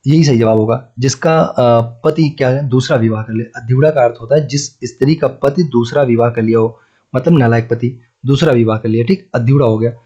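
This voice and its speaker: On a dull lo-fi recording, a man with a north Indian accent teaches Hindi exam prep, going over questions, repeating every answer, and testing the listener. He speaks fairly quickly in a warm, mid-range voice with a breathy edge.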